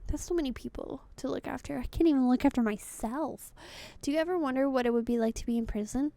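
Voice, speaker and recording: High-voiced chatty young woman streamer. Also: fast talker, gravelly, mellow, no room sound. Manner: chatty, blunt, swears freely. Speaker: VTuber streamer. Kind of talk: casual gameplay commentary.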